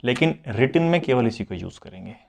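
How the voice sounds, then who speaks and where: A man's voice: medium pitch, animated, brisk, gravelly, a little mellow. A man teaching a beginners' language lesson, switching between Hindi and English and repeating each point. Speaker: French teacher. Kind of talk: slow explanatory lesson.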